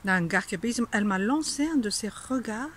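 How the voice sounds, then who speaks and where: A woman's voice: medium pitch, animated, normal speed, fairly bright tone, a little hiss or hum. A woman teaching a casual video language lesson, playful, laughing often and pretending to be angry.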